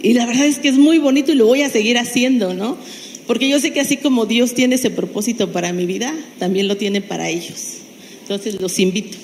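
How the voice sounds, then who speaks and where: A woman's voice: a little high, a little fast, darkish tone, slight background noise. Encouraging woman inviting others, reverberant room. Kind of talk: casual group sharing.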